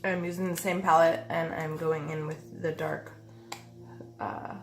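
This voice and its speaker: A beauty vlogger in her thirties, stuffed up and nasal from a cold, chats through a makeup tutorial in her bedroom beside a window. Her low voice is creaky, steady and unhurried, dotted with ums and uhs, as faint music and weed eater noise sound in the background.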